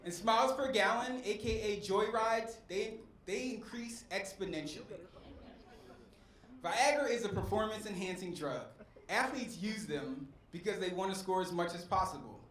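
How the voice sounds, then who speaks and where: A middle-aged West Philadelphia stand-up comedian speaks in a high voice at normal speed, working the crowd with a preacher-like cadence. The set takes place on a comedy club stage, recorded with echo and faint crowd noise.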